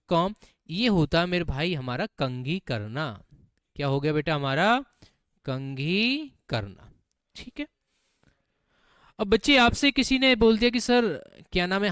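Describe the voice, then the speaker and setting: Male teacher, smooth higher voice. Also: a bit bright, dry recording, clean studio sound. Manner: keeps asking students questions and repeating words, calls them beta. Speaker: English teacher. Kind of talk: classroom-style spoken English lesson.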